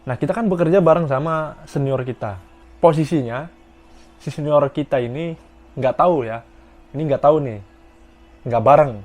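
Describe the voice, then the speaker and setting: A man's voice: fairly high pitch, normal speed, long pauses, darkish tone, soft background music. Emphatic young man telling stories in a vlog. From Indonesia. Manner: repetitive, emphatic storytelling addressed to viewers. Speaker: vlogger working in Japan. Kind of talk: casual vlog monologue.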